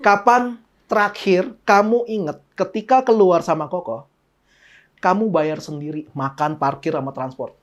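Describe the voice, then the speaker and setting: A man's voice: high-pitched, measured pace. Casual pastor, man, jokey, acts out dialogues. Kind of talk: casual sermon.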